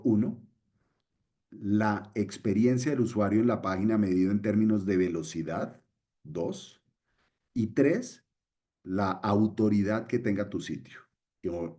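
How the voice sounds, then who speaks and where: A middle-aged man presents a screen-share webinar, explaining step by step and repeating his key points. His voice is fairly low and mellow, and he speaks a little slowly.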